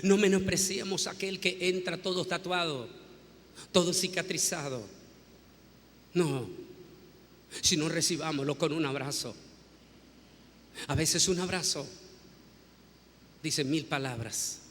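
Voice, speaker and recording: Male preacher, high bright voice, dramatic storyteller moving from hushed to shouting, big church reverb. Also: takes it slowly, pauses often, a little hiss or hum. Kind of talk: sermon. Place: large church. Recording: long hall reverb.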